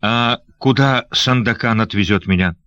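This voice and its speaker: A man's voice: medium pitch, normal speed, fairly bright tone, no room sound, highs cut off, pitched above the performer's own voice, close to an everyday voice. A man voicing a young noble lady who is anxious and loving, speaking in breathless, pleading questions.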